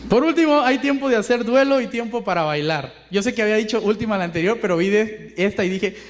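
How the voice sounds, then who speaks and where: Un pastor mexicano con acento mexicano que predica un sermón en tono conversacional, imitando voces citadas y lanzando preguntas retóricas. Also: male voice, sits high, fast talker. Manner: conversational, acts out quoted voices, asks rhetorical questions. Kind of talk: sermon.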